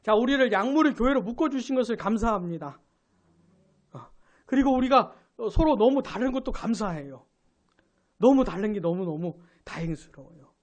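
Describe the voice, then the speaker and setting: A male pastor giving a live Sunday sermon, asking his congregation questions and building to loud emphatic peaks. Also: high-pitched, animated, normal speed. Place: church sanctuary.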